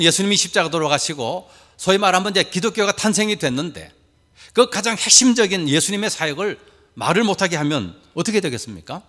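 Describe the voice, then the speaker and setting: A man's voice: a little high, fairly bright tone, long reverb tail. A man preaching a sermon to a congregation, asking rhetorical questions and adding folksy, humorous asides. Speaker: pastor.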